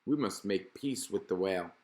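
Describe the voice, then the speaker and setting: A man's voice: low voice, lively intonation, normal speed, darkish tone, echoey room. A man voicing a sensible, earnest male fish who makes peace, in a children's storybook. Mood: earnest, resolute.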